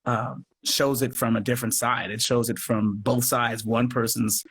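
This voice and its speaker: This man's medium-pitched voice is a bit bright and slightly rough, with little pitch movement and a moderate pace. As a guest on a noisy livestream interview call, the radio play producer talks casually and effusively, earnest throughout, and often circles back on his wording.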